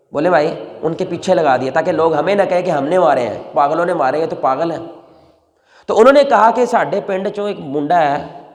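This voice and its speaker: A male preacher, telling a story in an emotional sermon that swings between soft pleading and loud exhortation. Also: high-pitched. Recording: long reverb in a large hall.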